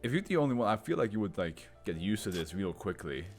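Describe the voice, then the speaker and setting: A man giving casual, joking, foul-mouthed reaction commentary on an animated show as host. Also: fairly low pitch, fast talker, soft background music. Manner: joking, foul-mouthed, riffing in mock voices.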